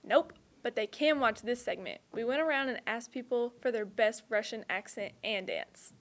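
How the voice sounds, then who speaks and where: A woman's voice: a little high, moderate pace, slight background noise. A teenage girl anchoring a student news show, upbeat and playful. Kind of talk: scripted school news reading.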